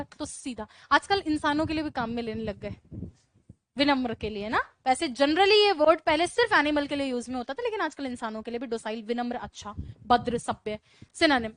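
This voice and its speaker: Female teacher, high pitch, dry close sound, brisk chatty classroom lecture. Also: fairly bright tone, no echo. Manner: brisk, chatty teaching with rhetorical questions to students. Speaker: English vocabulary teacher.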